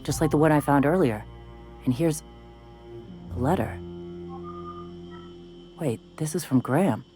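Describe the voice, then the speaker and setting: A man's voice: fairly high pitch, a little slow, darkish tone, soft background music, lightly acted. An actor playing a loyal male crewmate in a video game, speaking in a hurt, earnest way. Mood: curious. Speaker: companion character. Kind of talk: game character dialogue.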